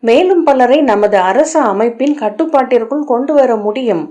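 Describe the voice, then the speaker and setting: A woman reading the lines of a proud, calculating queen in an audiobook, in a measured, commanding way. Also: fairly high pitch, lively intonation, warm tone, dull audio, close to an everyday voice. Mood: cool, commanding.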